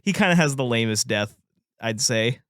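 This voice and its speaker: A man's voice: medium pitch, expressive, moderate pace, fairly bright tone, dry recording, studio quality. A man co-hosting a podcast, chatting casually about a film, laughing often and acting out lines. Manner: laughs often, acts out lines in put-on voices. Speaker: podcast co-host.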